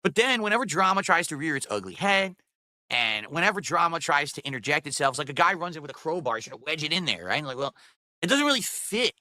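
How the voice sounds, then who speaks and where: Lively, bright-voiced man in his forties. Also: on the high side, no room sound. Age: 40s. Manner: rambling, keeps asking "right?". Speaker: streamer. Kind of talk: rambling stream monologue.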